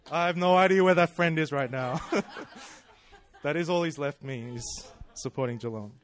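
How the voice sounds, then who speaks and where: With a voice on the high side and a measured pace, an Australian man in his 30s shares a personal storytelling sermon. He preaches in a chatty, self-deprecating way, often dissolving into laughs.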